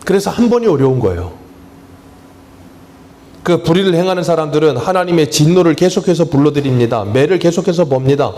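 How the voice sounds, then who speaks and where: In a church sanctuary, a pastor with a slightly high, dark-toned voice preaches a sermon quickly and expressively in a plain, conversational style. He repeatedly questions the congregation, answers himself, and adds bits of humor.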